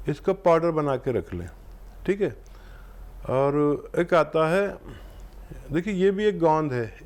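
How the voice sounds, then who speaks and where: A man hosting a phone-in health show, calmly and reassuringly explaining herbal remedies to callers step by step. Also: on the high side. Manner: calm, reassuring, instructive.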